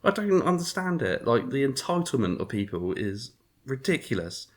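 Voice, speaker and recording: A man's voice: medium pitch, sing-song, normal speed, roomy sound, crowd noise. Exasperated, sweary man ranting in casual podcast chat; mid-range voice. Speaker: podcast co-host.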